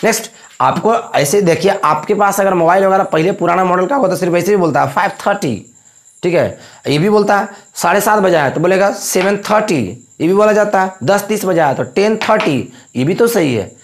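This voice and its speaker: A man's voice: high voice, brisk. A man teaching a spoken English lesson in Hindi. He explains step by step, repeats points and keeps checking in with his students. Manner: repetitive, explaining with frequent check-ins.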